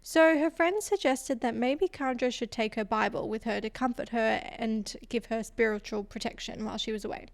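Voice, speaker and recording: A woman co-hosting a podcast, narrating a true crime case in a relaxed, chatty way and teasing her co-host. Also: fairly high pitch, normal speed, creaky, few pauses, no room sound. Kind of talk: casual storytelling chat.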